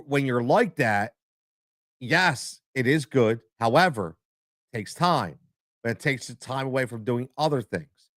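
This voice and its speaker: A middle-aged man with a Philadelphia accent hosting a live stream, talking in an animated, repetitive way full of stammered restarts. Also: medium pitch, dry recording, clean studio sound. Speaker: show host.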